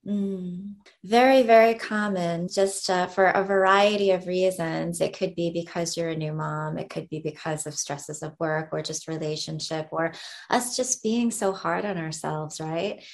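A woman's voice: fairly low pitch, steady tone, measured pace. Bubbly, effusive woman hosting a casual interview show. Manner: effusive, bubbly, laughs readily. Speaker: podcast host.

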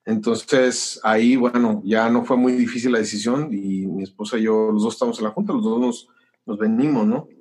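A man's voice: lowish voice, normal speed. A middle-aged man with a Mexican accent, a pastor and musician telling his story in a casual interview and acting out the conversations. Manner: animated, acts out conversations while telling a story.

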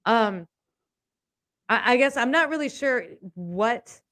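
Sarcastic, high-voiced woman, dry recording. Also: slow, no echo. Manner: sarcastic, animated, swears freely. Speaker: podcast co-host. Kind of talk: casual political chat.

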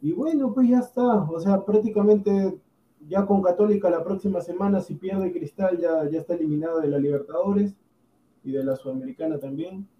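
A man's voice: high-pitched, normal speed. A man with a Peruvian Spanish accent, a football pundit on a podcast panel, arguing insistently and repeating his points. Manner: argumentative, repeats himself insistently. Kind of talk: heated podcast panel debate. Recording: distant, roomy, lo-fi mic with faint noise.

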